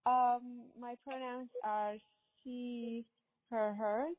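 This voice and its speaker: A woman in her forties from Morocco tells a personal story slowly and haltingly, pausing often. Her voice comes through a tinny, phone-like line with a long, echoey reverb. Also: a little high, little pitch movement. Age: 40s. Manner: halting, hesitant with many pauses. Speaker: guest.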